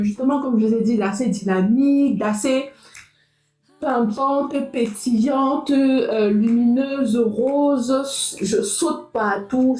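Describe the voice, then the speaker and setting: A young adult woman vlogging casually, talking straight to her viewers in a lively, chatty way. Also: mid-range voice, roomy sound, low-quality recording. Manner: lively, talks directly to viewers. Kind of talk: casual motivational vlog.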